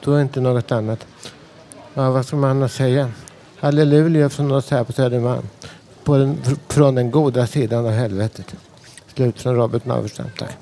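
A man's voice: medium pitch, fairly even intonation, mellow. A man reading a poetic monologue on community radio, solemnly declaiming rhetorical questions.

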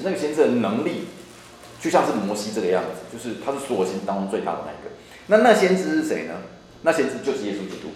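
A man's voice: mid-range voice, a little mellow. A man teaching a church Bible class, repeating and restarting phrases as he explains. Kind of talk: Bible study lecture. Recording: echoey room, faint hum.

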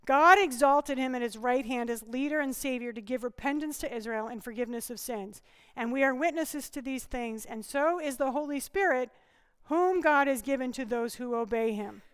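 A woman's voice: high-pitched, smooth, long reverb tail. A woman preaching a conversational sermon with humor, often asking the congregation questions.

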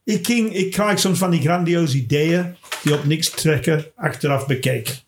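A man from England, a stand-up comedian chatting casually and telling stage anecdotes in an animated way. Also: a little high, normal speed, a little hiss or hum. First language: English. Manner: animated storyteller, tags lines with "hè".

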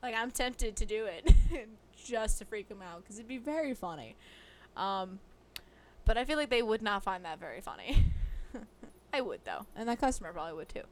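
A young woman who works a fast-food drive-thru, chatting casually about customers, laughing often and filling pauses with um and like. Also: mid-range voice, expressive, a little hiss or hum. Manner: giggly, chatty, full of fillers. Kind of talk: casual storytelling.

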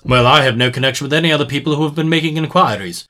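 Man doing a cool clever detective, measured, dry and sure of himself. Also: a little high, bright, forceful tone. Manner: cool, measured, dryly confident. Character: calm, shrewd gentleman detective.

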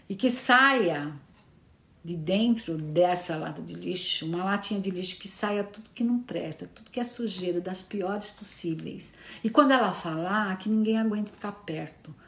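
Brief: woman as a vengeful storybook witch, slow and deliberate, rather low and quiet, roomy echo. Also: close to an everyday voice. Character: stern, vengeful old witch casting a curse. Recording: echoey room.

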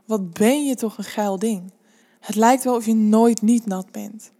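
A woman voicing a confident, teasing young male lover in a husky, cocky tone. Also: fairly high pitch, unhurried, mellow.

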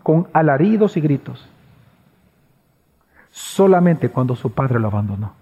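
A man pastor preaching a sermon, repeating phrases for emphasis and swinging between loud high passages and low hushed ones. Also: sing-song, measured pace, breathy edge, long reverb tail, dull audio. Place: church.

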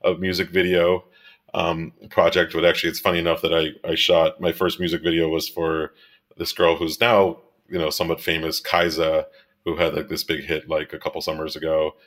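A man in his thirties from Miami talks as a guest about his photography and directing work. His voice sits very low and deep, and he rambles loosely, with lots of fillers and restarts. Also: flat delivery, brisk, fairly bright tone. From Miami, United States. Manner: rambling, many fillers and restarts, laughs easily. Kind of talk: casual interview conversation.

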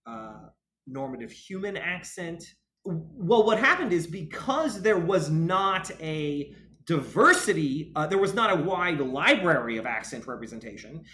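A man talks through a research paper in a slightly raised voice, halting often as he searches for his words. The recording is roomy and echoey, with the room clearly audible around him. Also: fairly high pitch, pushed and bright. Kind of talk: casual discussion of a research paper.

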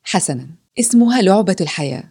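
A woman voicing a gently determined young woman. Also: medium pitch, animated, fast talker, slightly rough, voice pushed up. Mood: coaxing. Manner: coaxing, encouraging.

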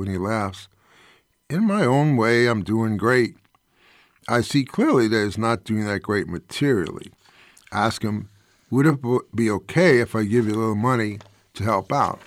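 A man's voice: fairly low pitch, no echo, studio quality. An older man reading his own personal essay aloud, telling a story in an impassioned, indignant way.

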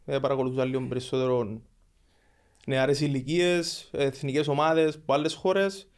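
A man's voice: medium pitch, fairly even intonation, clean tone. A man in his thirties with a Greek Cypriot accent, answering questions as a guest in a conversational interview. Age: 30s. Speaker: podcast guest, football agent.

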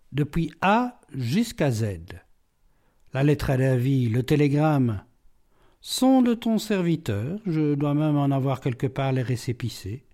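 A playful, ironic gentleman burglar, as a man reads him aloud for an audiobook, his mellow voice lilting up and down as he lingers over every jibe. His manner is self-assured and teasing. Faint music plays underneath. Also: on the high side. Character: witty, mocking gentleman burglar, imprisoned man. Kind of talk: audiobook reading.

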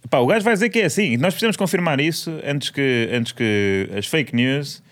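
Animated European Portuguese man, playful. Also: mid-range voice, brisk. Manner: playful, insistent, drawls out names. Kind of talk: casual chat.

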